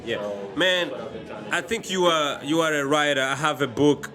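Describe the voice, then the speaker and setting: A man hosting a podcast interview, asking casual, halting questions. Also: fairly high pitch, crowd noise. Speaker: podcast host.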